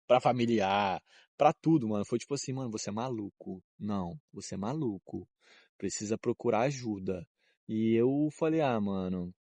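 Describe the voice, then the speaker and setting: A young man from Brazil, a travel vlogger in his twenties, speaks in a mid-range voice with a dark tone, with no echo. Out in a cold wind, he rambles in a relaxed, slangy way, laughing often and drifting from the subject.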